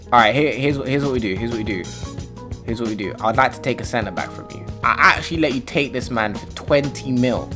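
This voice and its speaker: Young guy, mid-pitch, casual rambling game commentary with bursts of loud excitement, faint music underneath. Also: a little fast. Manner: rambling and slangy, with sudden loud excited outbursts. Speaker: gaming YouTuber.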